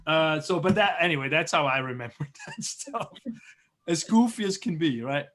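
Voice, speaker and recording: A man from Switzerland teaching a biology review class over a video call, chatty and encouraging, slowly repeating terms. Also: fairly high pitch, wildly swooping pitch, a bit bright.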